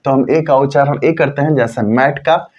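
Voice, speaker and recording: A man teaching English pronunciation rules in a lesson, repeating key words slowly and asking and answering his own questions. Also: mid-range voice, a little mellow, lo-fi sound. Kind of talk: Hindi lesson explaining English spelling rules.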